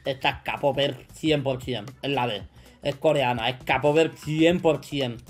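A man with a Spain Spanish accent riffs through a quiz game in casual streamer commentary. He is excitable and boastful, cracks jokes and bursts into sudden shouts. Soft music plays faintly under his voice. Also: mid-range voice, unhurried.

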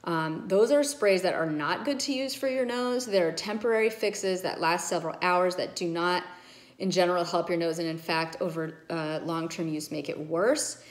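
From a bookshelf-lined room in her home, a middle-aged woman ENT specialist records herself on a phone camera at arm's length. Her fairly low voice moves at normal speed as she earnestly and emphatically talks through nose and sinus care, hands gesturing throughout.

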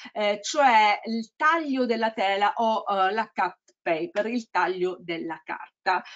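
A woman presenting art techniques to teachers in a training session, talking quickly and explaining with frequent hesitations. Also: mid-range voice. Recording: slightly dull lo-fi audio.

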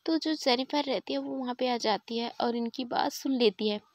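A woman's voice: on the high side, moderate pace, no echo. Chatty woman telling a story. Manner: chatty, rambling, with restarts. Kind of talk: casual story narration.

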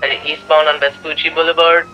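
A man playing a police officer, giving rapid, clipped turn-by-turn calls during a car chase over a walkie talkie. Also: fairly high pitch, little pitch movement, lo-fi sound, a little hiss or hum.

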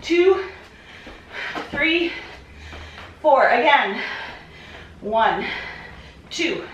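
A woman's voice: high-pitched, animated, extremely slow, a bit bright, muffled recording, a little hiss or hum. A woman fitness instructor coaching a workout, counting reps and encouraging, out of breath. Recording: echoey room, voice from far off.

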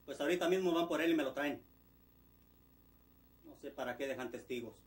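A man's voice: a little high, fairly quick, close to an everyday voice. A middle-aged man with a Mexican Spanish accent playing a ruthless, foul-mouthed kidnapper boss who barks orders and threats. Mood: commanding. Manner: barking orders, insulting and threatening. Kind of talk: low-budget film acting. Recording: echoey room with music underneath.

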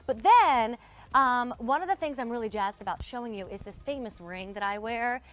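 A woman's voice: on the high side, normal speed. A woman hosting a live TV shopping show, chatting to viewers in upbeat, friendly sales patter. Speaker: shopping channel host.

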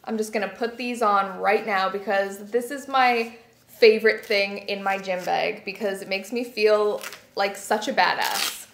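A woman's voice: mid-range voice, fairly even intonation, a little slow, background noise. Chatty young woman in a roomy bedroom. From Canada. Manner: chatty, enthusiastic, gushing. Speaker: beauty vlogger. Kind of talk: casual product show-and-tell. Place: small bright bedroom studio.

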